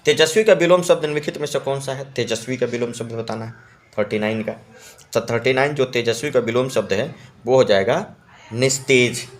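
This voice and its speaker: A male teacher talks through a practice test, answer by answer. He repeats each key word and keeps checking his listeners are following. His voice sits at an ordinary middle pitch. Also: fairly quick. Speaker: Hindi exam-prep teacher.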